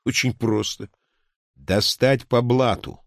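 A man voicing a cheerful, boastful red-haired wheeler-dealer who brags in an excitable, drawn-out way. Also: mid-range voice, gravelly, dry recording, studio quality.

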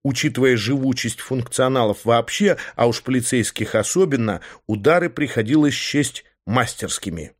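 A man's voice: mid-range voice, expressive, moderate pace, hardly any pauses. A man narrating a first-person audiobook with a wry, ironic manner.

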